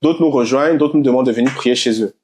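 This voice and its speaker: A man's voice: medium pitch, quick pace, darkish tone, slight background noise. A young man from Côte d'Ivoire giving a casual faith testimony, telling his story with frequent laughter and repeated words. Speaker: guest sharing a faith testimony.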